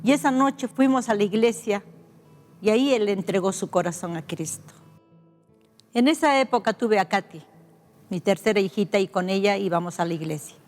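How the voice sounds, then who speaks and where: An older woman pastor from Peru, with a Peruvian accent, telling her life story as a personal testimony, reflective and heartfelt, pausing and restarting. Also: mid-range voice, animated, a little mellow, big-room sound, soft background music. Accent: Peruvian Spanish.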